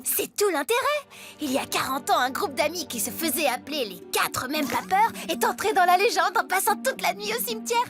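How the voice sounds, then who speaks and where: A confident, determined cartoon kid, with a very high voice. Music plays behind her. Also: lively intonation, brisk. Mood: explaining.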